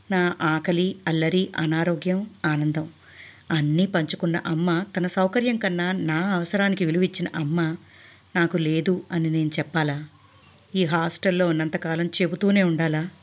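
A woman narrating a first-person memoir in an earnest, heartfelt storytelling manner. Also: lowish voice. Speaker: audiobook narrator.

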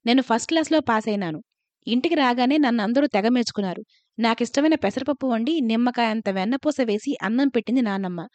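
Woman reading a story, calm measured pace, bit high voice, dry close sound. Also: no room sound. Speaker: narrator. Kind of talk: scripted story narration.

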